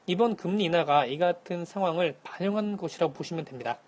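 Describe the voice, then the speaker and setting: A man calling in to a radio show as a correspondent, giving a formal, scripted economic briefing in a measured manner. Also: high-pitched, muffled recording. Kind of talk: scripted news briefing, answering by phone. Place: phone link to a radio programme.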